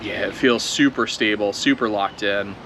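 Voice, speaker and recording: A man giving relaxed, chatty commentary outdoors while he flies a drone, talking it through as he goes. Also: lowish voice, normal speed, background noise. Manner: relaxed, chatty, thinking aloud while flying. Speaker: drone video creator. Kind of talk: casual first-flight commentary.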